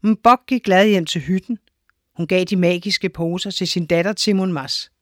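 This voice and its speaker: A woman's voice: fairly low pitch, no room sound, clean studio sound. Woman reading a children's story. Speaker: narrator.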